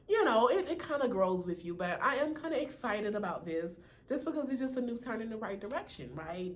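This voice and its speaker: An American woman talks to her viewers in a casual, sassy way. Her speech has a slight lisp from wearing braces. She sits at an average pitch for a woman and peppers her chat with familiar little tags like "honey" and "right?". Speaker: video host.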